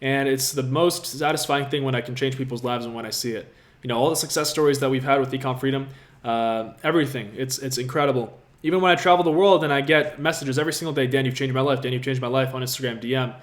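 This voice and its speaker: A man's voice: medium pitch, steady tone, fast talker. A man in his twenties from Latvia, hosting a casual livestream Q&A in an upbeat, motivational way and talking straight to his viewers. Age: 20s. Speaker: livestream host answering viewer questions. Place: apartment room with a city view.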